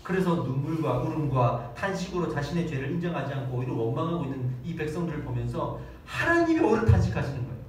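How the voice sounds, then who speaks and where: Animated man preaching in an echoey hall. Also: on the high side, fast, hardly any pauses. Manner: animated preaching, acting out prayers and children's voices. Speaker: pastor. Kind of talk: Sunday sermon. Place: church hall, large and echoey. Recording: very echoey hall, distant mic, faint noise.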